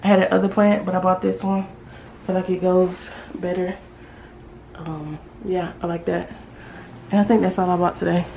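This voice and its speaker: A home makeover vlogger, a woman with a Southern American accent, walks viewers through the rooms of her house in a casual, rambling way, thinking aloud. Her voice is lowish and dark, her delivery flat, at normal speed with frequent pauses. Clear household noise fills the background of the noisy handheld recording.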